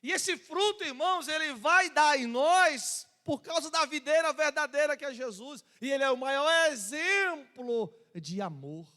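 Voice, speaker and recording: A man preaches a sermon, his high voice rising in emphasis as he puts questions to the congregation. The sound carries a long church reverb. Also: expressive, measured pace, few pauses, bright, forceful tone. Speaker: pastor.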